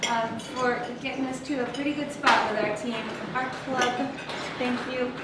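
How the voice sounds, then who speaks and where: A club member, a woman, makes an earnest, heartfelt appeal to a club meeting in a banquet room where dishes clink. Her voice is on the high side with fairly even intonation and a normal speed. The recording is from far off in an echoey room with loud noise.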